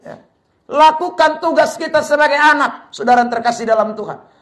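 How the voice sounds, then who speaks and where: A male pastor with a Kupang Malay accent preaching a sermon, emphatic and at times shouting, often addressing the congregation fondly. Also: extremely high pitch, a little fast. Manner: keeps repeating a fond address to the congregation.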